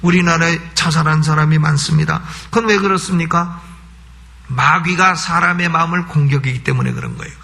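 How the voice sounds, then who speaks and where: Male pastor, sermon at a church service, emphatic, bright and tense voice, rhetorical questions. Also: a little high, fairly even intonation, fairly quick, vocal fry. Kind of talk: expository sermon.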